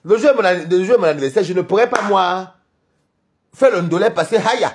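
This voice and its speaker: A man from Cameroon with a Cameroonian French accent hosts a live stream, chatting with viewers in a rambling, animated, gossipy way and laughing often. His voice is high and a little fast.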